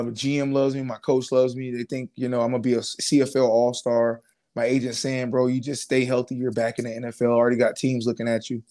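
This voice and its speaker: Laid-back young man telling his story. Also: medium pitch. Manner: relaxed, casual slang, many fillers and restarts. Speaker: guest, former pro football player. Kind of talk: casual interview storytelling.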